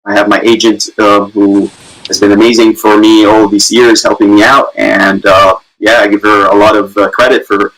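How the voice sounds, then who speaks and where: A man's voice: on the low side, little pitch movement, normal speed, a bit bright, rough recording. A man from Syria, an actor and guest, answering casually with many fillers and easy laughs.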